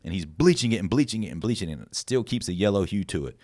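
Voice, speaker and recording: Low-voiced man telling a profane story. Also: lively intonation, very fast, darkish tone, no echo, clean studio sound. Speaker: podcast host. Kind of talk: casual podcast chat.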